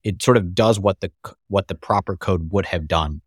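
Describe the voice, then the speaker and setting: A man's voice: low-pitched, normal speed, husky, dry recording, studio quality. A man with an American accent talking casually as a podcast guest, rambling with lots of fillers and restarts. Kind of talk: casual conversation.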